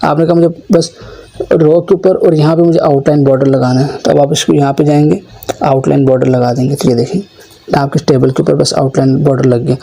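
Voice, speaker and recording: A man teaching a computer course, explaining each step of a screen-recorded software tutorial and voicing the learner's requests himself. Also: fairly high pitch, fairly even intonation, brisk, creaky.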